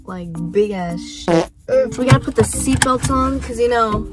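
A woman's voice: fairly high pitch, moderate pace, loud music behind the voice. A nineteen-year-old woman filming a casual, slangy vlog on a phone held at arm's length inside a car, laughing often. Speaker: vlogger. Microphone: phone camera held at arm's length.

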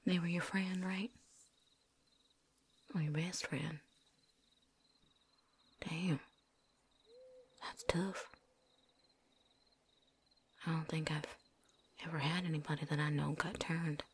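A woman's voice: low-pitched, flat delivery, takes it slowly, long pauses, slightly rough, full character voice. A woman voicing a chatty, folksy veteran vampire hunter with a put-on drawl and casual slang, talking around something in her mouth, in a whispered role-play. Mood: chatty, wry.

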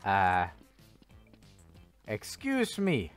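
A young man chats his way through a game in a playful, giggly manner, repeating words as he banters. His pitch swings up and down a lot, and faint music plays behind him. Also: huge pitch swings, very slow, smooth. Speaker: gamer streamer. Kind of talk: casual gameplay commentary, bantering with other players. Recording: music in the background.

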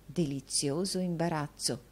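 A woman's voice: on the high side, moderate pace, a little mellow, pitched above the performer's own voice, natural voice. A woman voicing a vain, lovestruck young woman who speaks with affected tenderness. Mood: coy.

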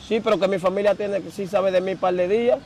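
Guy, slangy and animated, kinda high voice, street noise behind. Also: fast. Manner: animated, slangy, repeats filler words. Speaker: interview guest. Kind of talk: casual storytelling.

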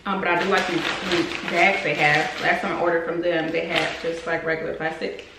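A woman's voice: low-pitched, level tone, brisk. A young woman in casual, chatty talk, showing a clothing haul to her viewers and calling them y'all. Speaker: vlogger. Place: room in a house under renovation. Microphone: camera on a desk in front of her. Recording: roomy echo with clear background noise.

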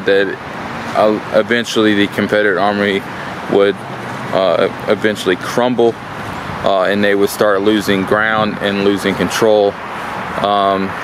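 A man in his thirties vlogging outdoors at a historic site, explaining in a casual, halting way with many fillers, filmed on a phone at arm's length. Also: lowish voice. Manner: halting, many "uh" and "um" fillers, talking while walking. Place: outdoors at a roadside battlefield site. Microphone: phone camera held at arm's length. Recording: loud traffic and wind noise outdoors. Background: passing cars and wind.

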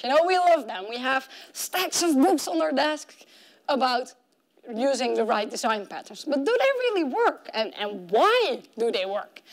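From the front of a tech conference room, a woman with a high, lively voice explains research studies conversationally in her keynote, using a clip-on mic at her collar. She animatedly plays out imagined objections along the way.

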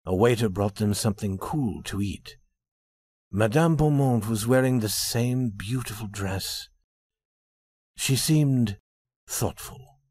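A man narrating a storybook for English learners with expressive intonation. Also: fairly low pitch, slow pace, pauses often, breathy edge.

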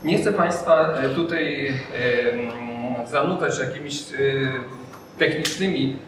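A middle-aged man talks through a surgical mask, pausing often with filler sounds as he addresses a press gathering. He sounds far from the microphone in a very echoey room. Steady background noise sits under his voice. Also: mid-range voice. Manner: hesitant, many filler sounds. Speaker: hospital representative. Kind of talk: speech at a press event.

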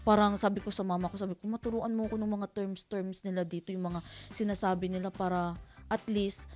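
A woman from the Philippines, a radio co-host, telling stories in lively casual chat and laughing often. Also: medium pitch, a little fast, faint music behind. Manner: animated storytelling, laughing often.

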